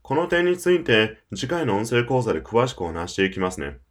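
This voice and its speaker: A man's voice: mid-range voice, very animated, brisk. A man presenting a scripted audio lecture for English learners, persuasive and emphatic, speaking straight to the listener.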